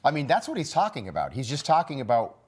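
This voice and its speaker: A man leads a morning TV news discussion at a steady, middle pitch. He talks casually, doubling back on his words and reaching for fillers as he lays out his points. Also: fast talker, slightly rough. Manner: conversational, with restarts and fillers. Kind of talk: cable news panel discussion.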